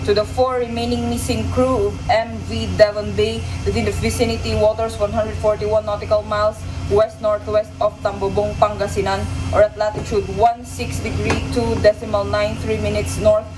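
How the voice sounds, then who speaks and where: Woman coast guard operator, marine VHF radio call, monotone and level, steady repeated call-outs. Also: mid-range voice, normal speed, few pauses, background noise. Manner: steady repetitive call-out delivery. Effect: marine VHF radio transmission. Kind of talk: formal maritime safety broadcast.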